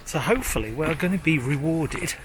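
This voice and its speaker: A man's voice: on the high side, animated, a little fast, background noise. A man narrating a casual travel vlog outdoors, chatting as he points out the views. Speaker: travel vlogger. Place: outdoors on a road trip.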